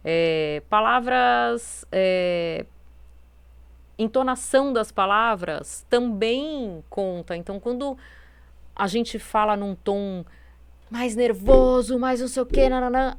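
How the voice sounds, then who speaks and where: A woman's voice: medium pitch, smooth, no room sound. A woman hosting a self-help video, talking casually with many fillers and a naturally firm tone. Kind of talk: casual advice monologue.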